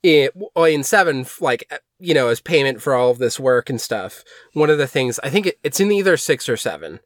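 A man's voice: medium pitch, animated, brisk, dry recording. Rambling man with dry close sound. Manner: rambling, many fillers and restarts. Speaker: podcast co-host. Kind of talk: casual chat recapping movies.

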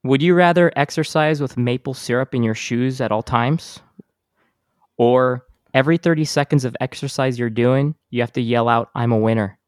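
A man's voice: medium pitch, normal speed, no echo, clean studio sound. A man hosting a podcast, chatting casually and asking playful questions in an easygoing way. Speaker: podcast host. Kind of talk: casual interview chat.

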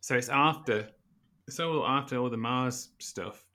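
A man's voice: mid-range voice, a little slow, sharp tone. A man co-hosting a casual chat, easygoing and hesitant with many ums. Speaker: podcast co-host.

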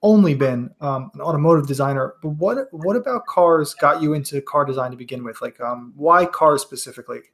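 A man's voice: a little high, brisk, few pauses, a bit bright. A man hosting a casual interview podcast, eager and often stumbling over his words. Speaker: podcast host.

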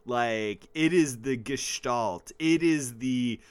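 Slow, smooth-voiced man chatting casually. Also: medium pitch, no room sound. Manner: rambling, laughs often, trails off into fillers. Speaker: podcast co-host. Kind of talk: casual podcast chat. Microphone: podcast microphone.

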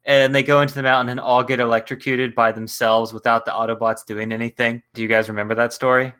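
A man's voice: medium pitch, flat delivery, fast, sharp tone, smooth. A man hosting a podcast, chatting and joking casually about a story. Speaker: podcast host.

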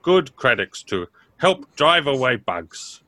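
A man's voice: mid-range voice, sing-song, slow pace, bright, forceful tone, no room sound, exaggerated voice. A man voicing an anxious big mushroom creature in a tabletop game, speaking in simple, broken, repetitive words. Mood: earnest, sad. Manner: simple broken speech, repeating single words.

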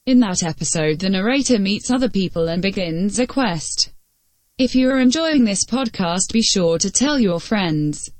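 A woman's voice: medium pitch, expressive, normal speed, dry recording. Woman reading a podcast outro. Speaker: podcast announcer. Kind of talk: scripted outro announcement.

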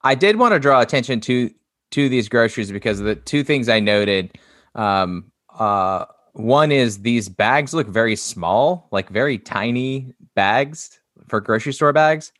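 A man's voice: mid-range voice, expressive, measured pace, fairly bright tone, no room sound, clean studio sound. A man chatting on a podcast, describing details with hesitant restarts. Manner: observational, hesitant, many "uh" restarts. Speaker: podcast co-host. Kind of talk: casual chat.

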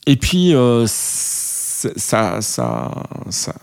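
A man's voice: fairly low pitch, wildly swooping pitch, very slow, creaky, clean tone. A man telling a story from his flying days, hesitant, with many fillers and restarts, acting out radio calls. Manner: acts out radio calls in English. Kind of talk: casual anecdote.

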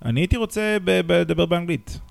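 A man's voice: high voice, expressive, gravelly, dry recording. A man co-hosting a podcast, enthusiastic and easily amused in casual talk. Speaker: podcast co-host.

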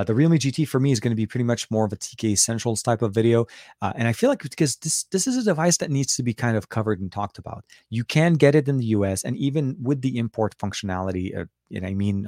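A middle-aged man with a lowish voice, a little coarse and worn after a late night, hosts a casual tech livestream. He rambles and often rephrases himself as he talks to viewers. The sound is dry and close, with very little room. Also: quick pace, darkish tone, no echo. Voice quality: slightly coarse voice. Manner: rambling, repeats and rephrases words. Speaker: tech reviewer and livestream host.

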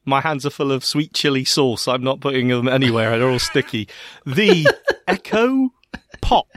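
A man's voice: medium pitch, steady tone, brisk, a bit bright. A man from Bristol with a West Country Bristolian accent, co-hosting a podcast in casual, playful, theatrical banter full of exclamations. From Bristol, England. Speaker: podcast co-host.

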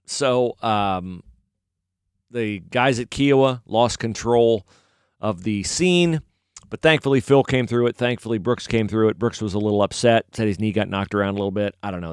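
A man's voice: fairly low pitch, lively intonation, moderate pace, smooth, dry recording, studio quality. A middle-aged man giving casual, opinionated solo sports commentary, rambling and correcting himself as he goes.

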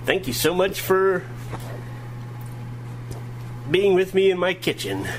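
A chatty man hosts a homemade cooking demo, walking through each step in a folksy way. His voice sits back from the mic in a roomy space, with a steady noise running underneath. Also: sits high, slow. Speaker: cooking show host. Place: home kitchen and dining room. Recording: roomy, distant, noisy home recording.

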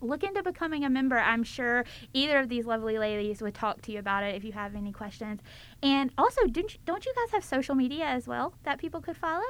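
A woman's voice: high-pitched, lively intonation, fast talker, fairly bright tone. A woman hosting a casual interview show in an effusive, playful, chatty way. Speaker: podcast host.

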